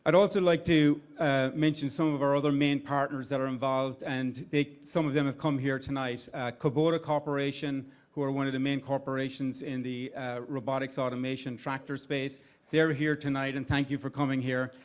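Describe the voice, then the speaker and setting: At an event venue with an audience, an Irish investment-firm CEO in middle age makes conversational opening remarks, with fillers and restarts. He has a mid-range, level, smooth voice at normal speed.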